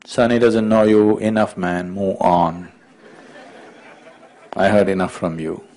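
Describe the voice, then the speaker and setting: A man playing a casual, unimpressed gatekeeper saint who dismisses a visitor and calls loudly inside. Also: sits low, steady tone, slow pace. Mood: calling out.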